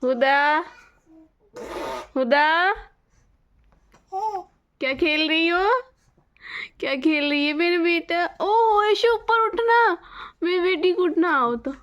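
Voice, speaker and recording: A woman's voice: high-pitched, slow, long pauses, fairly bright tone, muffled recording. A young mother coaxing her baby twins in sing-song baby talk, repeating their pet names.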